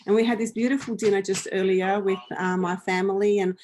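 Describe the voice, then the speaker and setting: A woman's voice: medium pitch, steady tone, a little fast, a little mellow, slight background noise. A woman co-hosting a retreat Q&A on a video call, chatty, with fillers and repeats. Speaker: retreat co-host. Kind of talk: casual chat on a video call.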